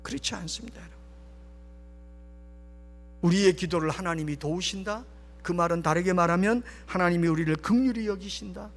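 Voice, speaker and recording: High-voiced man preaching in a hall. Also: a little fast, pauses often. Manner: emphatic preaching, drops to whispers for stress. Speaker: pastor. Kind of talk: sermon at a late-night prayer meeting. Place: church sanctuary. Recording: long church hall reverb.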